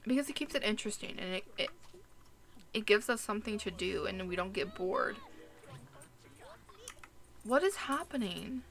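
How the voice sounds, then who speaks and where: Chatty young woman with bright voice. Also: medium pitch, lively intonation, moderate pace, long pauses. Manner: chatty, rambling, talks to her game characters. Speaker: gaming YouTuber. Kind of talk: casual gameplay commentary. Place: home room. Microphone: desk mic with headphones.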